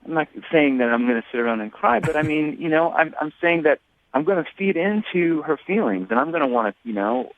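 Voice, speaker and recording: Male caller, rambling and halting, dry tinny phone line. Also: on the high side, animated, creaky, no room sound. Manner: rambling, hesitant, many restarts. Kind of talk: phone call on a radio show.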